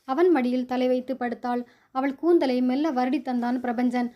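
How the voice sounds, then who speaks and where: High-voiced woman narrating a story. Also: fairly even intonation, normal speed, mellow. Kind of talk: scripted narration.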